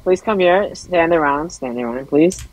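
Low-voiced woman herding a group. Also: moderate pace, a loud crowd, low-quality recording. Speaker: tour leader in a game server. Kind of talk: casual gameplay chat.

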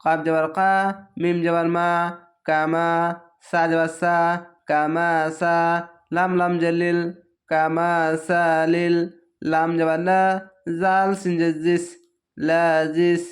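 Slow, patient man spelling out syllables. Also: a little high, completely flat delivery. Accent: Bangladeshi Bengali. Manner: patient, drawn-out recitation of each syllable. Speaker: Quran reading teacher. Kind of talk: slow letter-by-letter spelling lesson.

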